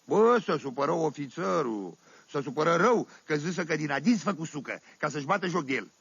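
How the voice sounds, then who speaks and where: Un actor care interpretează un sătean oltean de vârstă mijlocie, povestind glumeț și fără șir, cu accent oltenesc, într-o comedie radiofonică. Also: male voice, a little high, lively intonation, vocal fry, a bit bright, husky, no room sound, full character voice. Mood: amused, rambling. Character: folksy Oltenian village man telling tales. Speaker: storyteller. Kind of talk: 1970s radio comedy monologue. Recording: dull dry 1978 vinyl radio recording.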